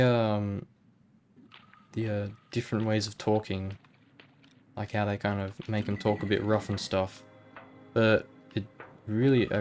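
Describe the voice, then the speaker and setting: A man's voice: fairly low pitch, a little hiss or hum. Chatty man playing a video game. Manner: chatty, muses aloud, reads game text aloud. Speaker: let's play gamer. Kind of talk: casual gameplay commentary.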